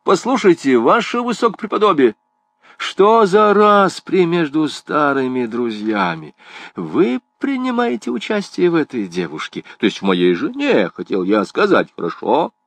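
Brief: man putting on a high, jumpy young poet, philosophizing, lively swoops, dry close mic. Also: exaggerated voice. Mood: pleading. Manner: high-pitched, fast-shifting, wry and theatrical. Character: excitable, rambling, philosophizing male poet, young adult. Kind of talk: audiobook character reading.

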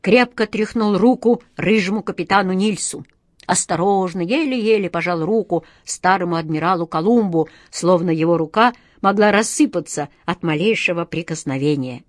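A woman narrating a children's storybook with expressive, lively delivery. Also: lowish voice, moderate pace, dry recording, clean studio sound. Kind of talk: storybook reading.

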